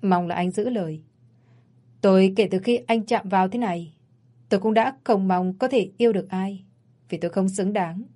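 A woman's voice: mid-range voice, moderate pace, warm tone, lightly acted. A woman voicing a frightened but stubborn young woman, pleading and defiant, in a read-aloud story. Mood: scared, pleading.

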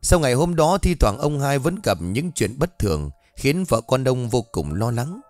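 A man narrating a scripted ghost story in an expressive, dramatic reading. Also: medium pitch, moderate pace, dry recording. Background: faint background music.

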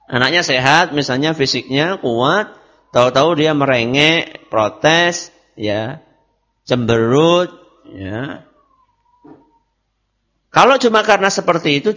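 An Islamic preacher with a bright, medium-pitched voice and forceful tone gives a religious study lecture on parenting. He asks and answers his own questions and mixes Javanese words into his speech.

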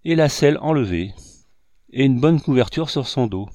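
A man voicing an eager girl of about sixteen, higher and louder than his narration. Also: expressive, normal speed, no room sound, close to an everyday voice.

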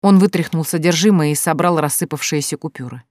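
Steady audiobook narrator, dry close sound. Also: mid-range voice, brisk, no echo. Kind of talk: scripted narration.

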